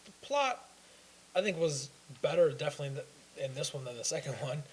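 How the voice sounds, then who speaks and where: Young man, slightly high voice, rambling, casual fan chat, faint hiss. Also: big pitch swings, fairly quick, low-quality recording. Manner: rambling, hesitant with fillers and restarts. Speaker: co-host.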